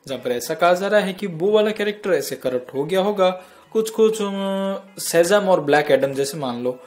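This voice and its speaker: A man's voice: sits high, lively intonation, moderate pace. A man hosting a casual comic news roundup in speech, chatty and joking, talking straight to his viewers. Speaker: entertainment news host. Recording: faint music behind.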